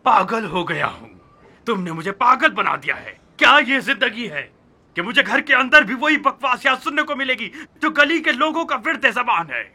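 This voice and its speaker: A man's voice: extremely high pitch, lively intonation, moderate pace, bright, forceful tone, husky, full character voice. An actor dubbing an irritable nobleman husband in a historical drama, speaking sarcastically and scolding. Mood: bitter.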